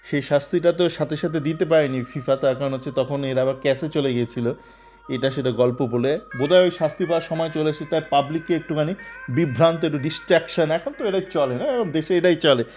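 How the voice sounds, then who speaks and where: A man's voice: a little high, quick pace, a little mellow, faint music behind. A man giving a casual, sarcastic commentary on football, rambling with many fillers and acting out quotes in agitated voices.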